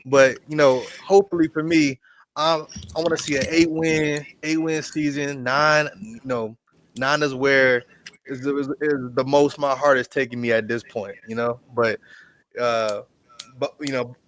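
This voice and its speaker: A man's voice: medium pitch, steady tone, measured pace, fairly bright tone, a little hiss or hum. A man in his thirties chatting casually on a sports podcast, laid-back and full of fillers. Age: 30s. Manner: laid-back, lots of fillers and repeated yeahs. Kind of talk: casual chat.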